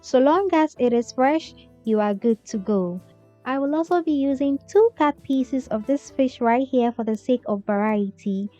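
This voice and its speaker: A woman's voice: high-pitched, normal speed, warm tone. A woman hosting a cooking tutorial, talking the viewer through each step in a chatty way and often checking in with "okay?". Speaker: cooking channel host. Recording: slightly dull sound with faint music.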